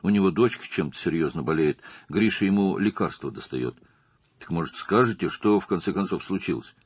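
A man's voice: low-pitched, animated, a little fast, husky, no echo. A man reading an audiobook, voicing a nervous, talkative young male witness who is eager to please. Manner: chatty and defensive.

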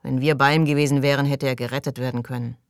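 A man reading an audiobook, voicing an irritable, pompous male colony doctor who speaks loudly and defensively. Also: mid-range voice, little pitch movement, quick pace, clean tone, no room sound, studio quality, close to an everyday voice. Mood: indignant. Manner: indignant, loud, defensive.

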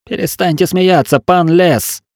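A man's voice: sits high, extremely slow, darkish tone, dry recording, clean studio sound, pitched above the performer's own voice, exaggerated voice. A man voicing an urgent male shipmate in an audiobook, his voice raised and pressing.

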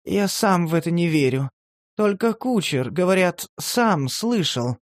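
Guy putting on a high whiny strung-out street addict, touchy and teary, horror audiobook, dry sound. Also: animated, unhurried, no echo. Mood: rambling. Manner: shrill, agitated, pleading. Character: strung-out homeless male addict, touchy and tearful. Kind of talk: audiobook character voice.

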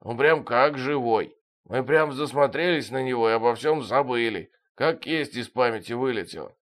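A man's voice: mid-range voice, normal speed, natural voice. A man doing a rambling old sergeant. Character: boastful one-armed old soldier sergeant, rambling.

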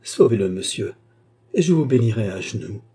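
A man's voice: fairly low pitch, lively intonation, moderate pace, natural voice. A man reading a despairing young woman. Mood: pleading. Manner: soft, broken pleading.

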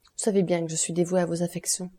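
A woman's voice: on the low side, little pitch movement, quick pace, dark tone, close to an everyday voice. A woman voicing a dutiful, anguished young noblewoman in an audiobook, speaking in a pleading, distressed way. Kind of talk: audiobook character reading.

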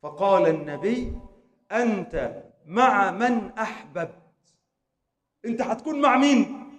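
A man preaching a sermon in an Egyptian Arabic accent, moving from quiet storytelling to impassioned shouting. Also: high voice, expressive, unhurried, echoey room. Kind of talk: Friday sermon.

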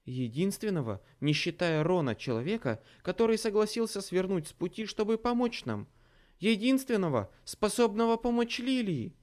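A man voicing a tough female changeling who speaks with flat, quiet menace in an audiobook. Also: high voice, normal speed, voice pushed up. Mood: cold. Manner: flat, quiet threat, then barking. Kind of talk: audiobook character voice.

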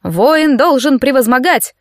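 A woman reading an audiobook, voicing a loud, pompous male martial-arts coach who draws out his commands. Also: high voice, lively intonation, no echo, clean studio sound, voice pushed up. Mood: commanding. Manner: bellowing drawn-out commands.

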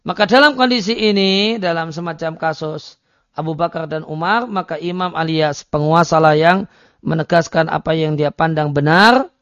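A man's voice: fairly high pitch, normal speed, fairly bright tone, dry recording. A man giving a religious study lecture, reading Arabic lines and explaining them, with frequent hesitation fillers. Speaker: Islamic religious teacher. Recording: dry, dull lo-fi recording.

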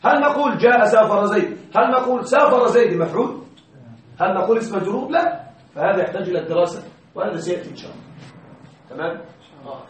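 A man with a high-pitched voice gives a grammar lesson to a class, walking through worked examples and asking rhetorical questions as checks. The classroom lecture was captured in a very echoey room with his voice far from the mic and slight background noise.

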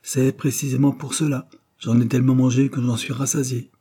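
A man's voice: medium pitch, level tone, fairly quick, mellow, husky, pitched above the performer's own voice, lightly acted. A man reading aloud voices a sulky, pampered young man who whines about food. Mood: petulant. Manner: whiny, petulant.

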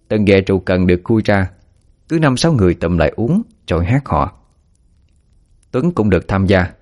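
A man narrating a story at a steady, even pace. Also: on the low side. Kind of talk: scripted narration. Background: faint music.

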